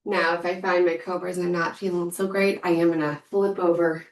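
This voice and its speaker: A woman's voice: on the low side, flat delivery, normal speed, a little hiss or hum. A woman leading a casual workout class, counting reps and repeating short, encouraging cues. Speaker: fitness instructor leading a workout. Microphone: distant from the speaker. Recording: echoey room, distant microphone.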